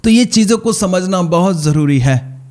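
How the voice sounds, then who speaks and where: A man's voice: high-pitched, expressive, moderate pace, darkish tone. A man, a pastor, preaching an earnest sermon that repeats key phrases and tells stories. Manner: earnest preaching with repetition and storytelling.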